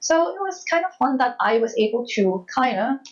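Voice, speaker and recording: Speaking with big pitch swings in a high voice, a former journalist from Hong Kong in her thirties hesitantly works through interview questions, often repeating herself. She has a Hong Kong accent, and the sound is lo-fi.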